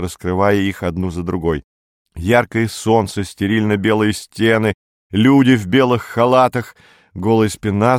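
A man reads an audiobook aloud in a measured, even storytelling manner. His voice sits low, and the recording is dry and close. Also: clean tone, no echo. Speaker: audiobook narrator. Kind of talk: scripted narration.

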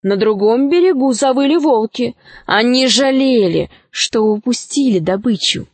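A woman narrates a fairy tale aloud, measured and expressive. Her voice sits a little high and she takes her time. The recording is close and dry. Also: slightly rough, no echo.

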